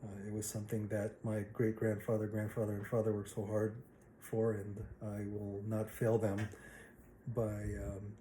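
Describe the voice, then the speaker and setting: A man in his forties from the Philippines introducing himself to a class in a casual, halting way with many fillers. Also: on the low side, mellow, reverberant, a little hiss or hum, low-quality recording. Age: 40s.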